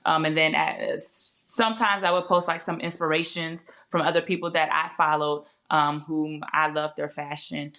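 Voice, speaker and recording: A woman with a low-pitched voice speaks as a podcast guest. Her delivery is casual and conversational, like someone recounting her own path, and she corrects herself and quotes her thoughts as she goes. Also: steady tone, moderate pace, hardly any pauses, sharp tone. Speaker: podcast guest, fashion brand founder. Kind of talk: casual interview storytelling.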